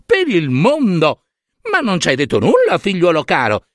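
Man doing a high, stammering, fake-sweet goddess mother, lively swoops, dry sound. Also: moderate pace, dry recording. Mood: gushing. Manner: gushing, stammering, shrill. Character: fawning insincere queen goddess, mother.

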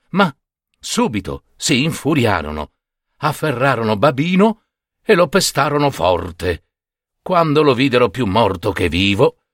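A man narrating a folk tale in an expressive, dramatic storytelling manner. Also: mid-range voice, dry recording, studio quality.

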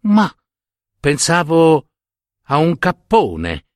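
A man's voice: fairly high pitch, wildly swooping pitch, drawn-out words, no echo, studio quality, voice pushed up, full character voice. A man voicing a poor shoemaker's wife in a storybook reading, raising his voice to play a plain, practical woman. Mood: homely, practical.

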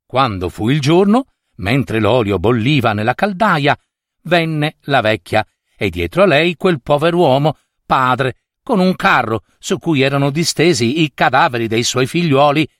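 A man narrating a fairy tale with an animated, expressive reading. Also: mid-range voice, a little slow, dry recording, clean studio sound. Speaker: storyteller.

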